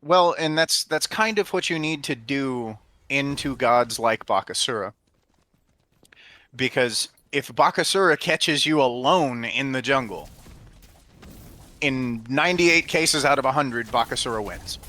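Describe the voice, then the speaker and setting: A man giving analytical esports commentary in a measured, halting way, often repeating the start of his phrases. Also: mid-range voice, animated, bright, forceful tone, no room sound.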